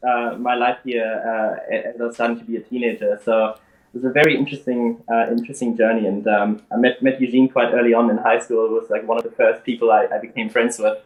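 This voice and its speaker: A man's voice: medium pitch, little pitch movement, fast talker, lo-fi sound. Hesitant young man in a roomy echo. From Germany. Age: 20s. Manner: hesitant, many fillers and restarts. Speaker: guest. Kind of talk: casual interview chat.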